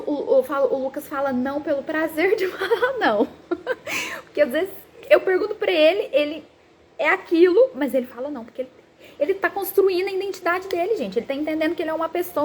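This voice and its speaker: A woman psychologist in her thirties giving a talk on parenting, animated and acting out quoted parents and children. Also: high-pitched.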